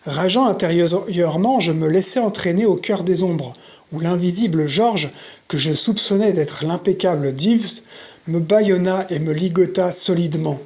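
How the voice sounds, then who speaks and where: A reader narrating a novel in an audiobook with steady, measured storytelling. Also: medium pitch. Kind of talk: scripted narration.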